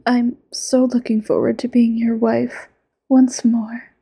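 A woman voices an obsessive, possessive immortal lover in a whispered audio roleplay, her soft breathy whisper sweet yet menacing and doting. Her slightly high voice barely moves in pitch, delivered slowly and with exaggeration, intimate but with sudden flares.

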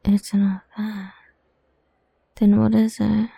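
A young woman whispering softly and teasingly in an intimate audio roleplay, humming between lines, close to the mic. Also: mid-range voice, flat delivery, slow, vocal fry, breathy edge, no room sound. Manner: soft teasing whisper, murmured hums.

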